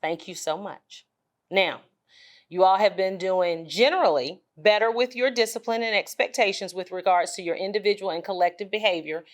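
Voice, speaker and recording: A woman speaking as a school administrator, giving students an informal announcement in a firm, emphatic, deliberate way with pauses. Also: medium pitch.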